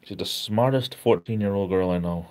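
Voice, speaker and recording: A tired middle-aged man hosts a casual live stream, reading the chat aloud, relaxed, chatty and easily amazed. His voice is lowish at a moderate pace.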